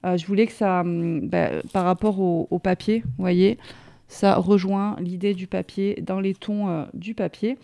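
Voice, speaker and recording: A woman's voice: mid-range voice, steady tone, measured pace, gravelly, mellow. A woman presenting a casual hands-on craft tutorial, chatting and explaining each step while she works.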